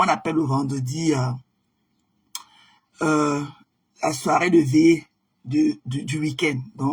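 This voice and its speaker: A woman hosting a casual live stream, chatting warmly with viewers and greeting them by name, often repeating herself. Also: low-pitched, husky. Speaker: livestream host.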